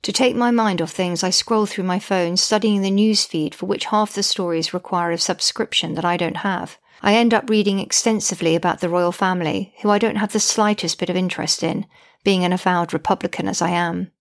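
A woman with a slightly low voice reads her own diary-style account aloud. She sounds indignant and exasperated, with a dry, wry edge as she narrates. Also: steady tone, a little fast. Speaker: podcast narrator, mother.

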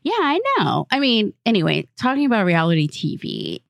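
A woman's voice: mid-range voice, big pitch swings, normal speed, vocal fry, no room sound, clean studio sound. A woman from the Republic, co-hosting a casual chat in informal, slangy talk. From Santo Domingo, Dominican Republic. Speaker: podcast co-host, actor.

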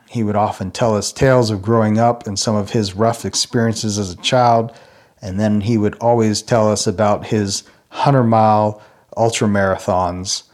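A man in his thirties speaks to fellow believers in a low, somewhat deep voice. He tells personal stories at an unhurried, earnest pace, with frequent small fillers and restarts. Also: a little mellow. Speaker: church ministry speaker. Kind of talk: reflective personal talk.

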